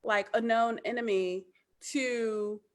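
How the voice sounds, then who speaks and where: A woman in her thirties, a podcast guest, talking in an animated, emphatic casual way with lots of "like". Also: a little high, slow. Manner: animated, emphatic, frequent "like" fillers. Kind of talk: casual chat.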